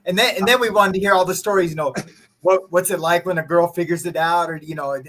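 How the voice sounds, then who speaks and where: A man chatting casually as a guest, quick to agree and telling a story. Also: sits high, a bit bright. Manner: chatty, lots of agreeing yeahs. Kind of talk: casual chat.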